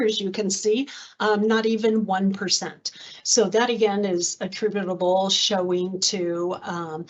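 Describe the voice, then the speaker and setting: A woman giving a formal slide presentation as a finance official to a board on a video conference. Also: lowish voice. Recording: dull video-call audio.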